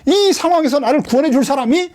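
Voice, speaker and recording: With a very high voice and a quick pace, a male pastor delivers an expository sermon, putting questions to the congregation and voicing quotations with dramatic flair, all in a lively manner.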